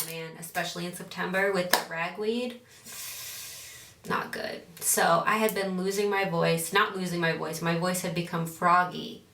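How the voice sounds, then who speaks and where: On the low side, with vocal fry and a bit of brightness, a beauty vlogger chats casually as she applies makeup, often losing track and circling back. There's a little hiss or hum, plus roomy echo from a distant mic.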